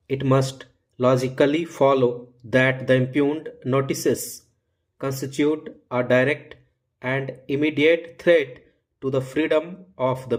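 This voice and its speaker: A man reading formal text aloud as shorthand dictation, in short, deliberate phrases with regular breaks. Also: mid-range voice. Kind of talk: dictating a legal passage at a measured 95 words per minute.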